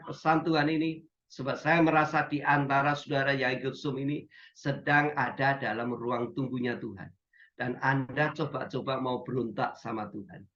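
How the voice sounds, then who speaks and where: A male pastor, preaching a sermon in a storytelling way, often filling pauses with "ya". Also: medium pitch, fairly bright tone. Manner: storytelling, frequent filler "ya". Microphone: video call. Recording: dull muffled video-call audio.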